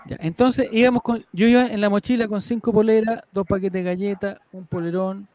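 A man's voice: high-pitched, steady tone, brisk, darkish tone. Man telling a rambling story. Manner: rambling, with restarts and laughs. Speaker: podcast host. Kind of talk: casual storytelling to co-hosts.

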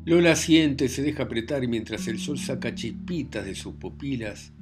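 A man reading a story in a calm, measured narration. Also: mid-range voice, over music.

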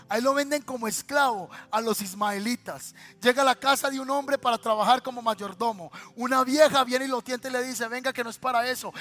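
A Colombian male pastor preaching a sermon, telling stories in a lively, colloquial way and speaking straight to his listeners. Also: extremely high pitch. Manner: storytelling, lively and colloquial, addressing listeners directly.

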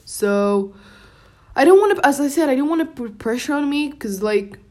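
A young Moroccan woman whose first language is Darija hosts a casual solo podcast, rambling informally and often cutting herself off. Her voice sits high and is expressive and a little mellow, at a normal speed.

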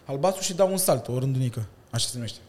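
A man in his thirties, a breakdancer and stuntman, chatting as a podcast guest and telling lively stories with slang and laughter. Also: medium pitch. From Romania. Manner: animated storytelling with slang and laughter. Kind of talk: casual chat.

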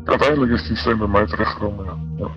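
A man speaking over a call with his voice disguised by pitch distortion. The sound is muffled and lo-fi, with clear music running underneath. He answers in short, hesitant bursts. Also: fast. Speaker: anonymous interviewee on a call. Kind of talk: phone conversation.

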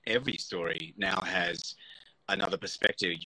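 A man with a fairly low but bright, forceful voice that has a husky edge. He speaks as a guest in a casual conversation, thinking aloud, hesitating and restarting his sentences. The sound is dry and close. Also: moderate pace, no echo, poor audio. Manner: thoughtful, hesitant, many restarts and fillers. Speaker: guest, comedy producer. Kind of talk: casual conversation on a live show.

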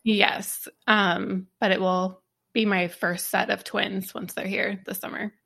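A woman co-hosting a casual podcast, relaxed and laughing through her stories. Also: mid-range voice, slow, creaky. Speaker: podcast co-host.

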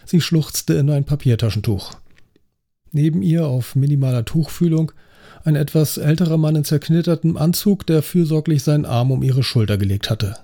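A man reading a crime story as an audiobook narrator with a wry, even delivery. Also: on the high side, normal speed. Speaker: audiobook reader. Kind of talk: scripted narration.

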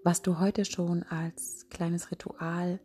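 A woman podcast host in soft, guided-relaxation narration, hushed and breathy, speaking intimately as if right by your ear. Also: on the low side, level tone, slow pace. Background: music.

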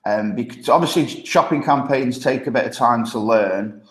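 A podcast guest from Stoke-on-Trent, England, who works as an agency partnership manager, talks casually in a thick Midlands accent. His medium-pitched voice moves at a moderate pace as he chats loosely, laughing often, with lots of ums and restarts. The recording is reverberant and low quality.

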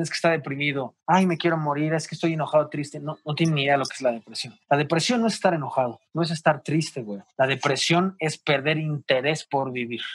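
A man with a Mexican accent talks in a casual podcast conversation, earnest and emphatic and full of casual swearing. His voice is husky and sits a touch high for a man. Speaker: podcast guest.

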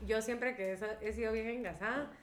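Young Guatemalan woman, chatty self-mocking storyteller, high-ish voice, echoey room. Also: fairly even intonation, fairly quick, slight background noise. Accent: Guatemalan Spanish. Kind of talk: casual chat among friends.

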